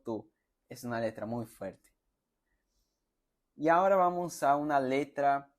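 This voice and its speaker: Slow, deliberate male Spanish teacher. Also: mid-range voice. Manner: slow, deliberate, sounds out words and syllables for repetition; friendly, addresses students directly with check-in questions. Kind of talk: pronunciation lesson for learners.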